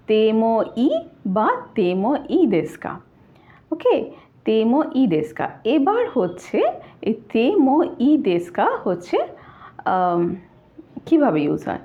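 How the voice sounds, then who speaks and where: Woman teaching a grammar lesson, repeats stuff slowly, sounds like a phone line. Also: on the high side. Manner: explains slowly, repeats example phrases, lively sing-song intonation. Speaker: Japanese language teacher. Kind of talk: casual online grammar lesson. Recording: tinny, phone-like audio.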